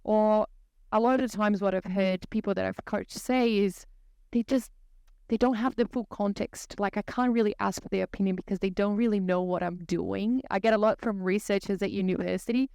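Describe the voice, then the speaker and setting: A woman with a Brazilian accent, explaining her ideas in a thoughtful, measured way as a podcast guest. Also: mid-range voice, gravelly, dark tone, smooth, no echo, studio quality. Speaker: guest consultant. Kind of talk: podcast interview.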